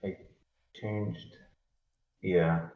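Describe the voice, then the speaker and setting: A man with a low, gravelly voice chats in an easygoing, unhurried way. His voice sounds hollow and boomy, as if he were talking from inside a well. It comes through a muffled, far-off webcam microphone on a voice call. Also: fairly even intonation. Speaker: friend on a voice call. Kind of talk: casual chat. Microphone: built-in webcam microphone. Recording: echoey distant webcam mic over a voice call.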